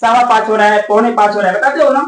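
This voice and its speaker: A man teaching a class, constantly asking questions back and spelling words out slowly. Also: high-pitched, fairly even intonation, fairly bright tone. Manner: asks the class rhetorical questions and repeats answers; spells words letter by letter slowly, calls out key words. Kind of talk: classroom lesson. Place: classroom with students. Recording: echoey room, voice from far off the mic.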